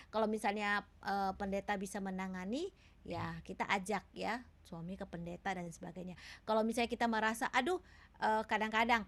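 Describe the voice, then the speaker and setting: A woman's voice: mid-range voice, fairly bright tone. Patient woman speaker on a webinar. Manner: explains patiently with many hesitations and tag questions. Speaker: seminar speaker. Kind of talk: webinar talk answering questions. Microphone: video call.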